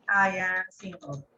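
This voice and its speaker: A woman's voice: lowish voice, pushed and bright, roomy sound, dull audio, a little hiss or hum. A woman, teaching an English grammar class and patiently prompting students. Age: 40s.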